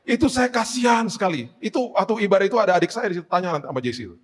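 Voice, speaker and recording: A middle-aged male pastor delivering a sermon in a fairly high voice. He preaches with animated storytelling, swings into playful humorous asides, then comes back to firm exhortation. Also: racing.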